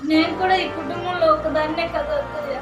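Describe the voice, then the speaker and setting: Woman doing a quiet hurt daughter-in-law, highish voice, far off with loud music. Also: fairly even intonation, fairly quick, close to an everyday voice. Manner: soft, wounded. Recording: echoey room, distant mic, loud music.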